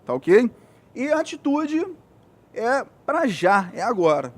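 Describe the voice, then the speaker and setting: A man's voice: extremely high pitch, big pitch swings, takes it slowly. A Brazilian man, a physiotherapist, giving an earnest motivational speech to young athletes, checking in often with his listeners. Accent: Brazilian Portuguese.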